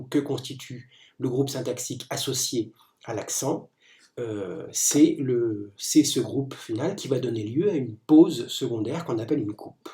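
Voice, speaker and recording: A man's voice: medium pitch, warm tone, roomy sound. A man teaching in a recorded lecture video, explaining step by step with many fillers and restarts. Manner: explanatory, didactic.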